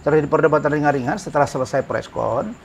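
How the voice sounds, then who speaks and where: A man's voice: fairly high pitch, fast, gravelly, a little hiss or hum. A man, a lawyer appearing as a talk show guest, telling a story in an emphatic, dramatic way and acting out the exchanges. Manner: emphatic, dramatic retelling with bursts of loudness.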